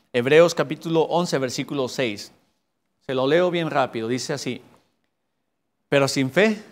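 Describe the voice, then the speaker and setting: A man teaching Sunday school in an earnest preaching style, asking his listeners rhetorical questions, with emphatic rises and low, quiet drops. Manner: earnest preaching, rising to emphatic peaks then dropping low.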